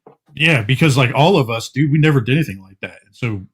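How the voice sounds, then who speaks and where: A man co-hosting a casual podcast, looping through his story with lots of ums and uhs. He laughs easily and talks in an easy, mid-pitched voice. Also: lively intonation, fast talker, a bit bright, slightly rough. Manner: rambling, laughs often, many fillers. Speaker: podcast co-host. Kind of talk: casual chat.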